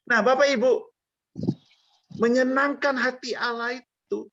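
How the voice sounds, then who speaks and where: Conversational preacher, dull lo-fi sound. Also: male voice, very high voice, fairly even intonation, measured pace, a bit bright. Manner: conversational, jokey asides to the congregation. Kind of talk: sermon.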